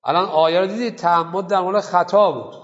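A man with a high voice gives a seminary lecture on Islamic law. He poses questions to the class and answers them himself. The sound is muffled and lo-fi, with a long reverb tail from a large hall. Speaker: seminary teacher.

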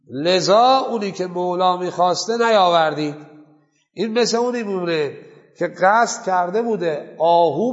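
High-voiced man lecturing in a reverberant hall. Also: highs cut off. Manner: questioning students, then answering himself. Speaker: seminary teacher. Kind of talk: Islamic jurisprudence class lecture.

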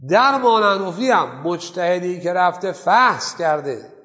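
A man's voice: high voice, animated, fairly bright tone, big-room sound, muffled recording. A man teaching a seminary class on jurisprudence. He asks his students questions and then answers them himself. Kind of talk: Islamic jurisprudence class lecture.

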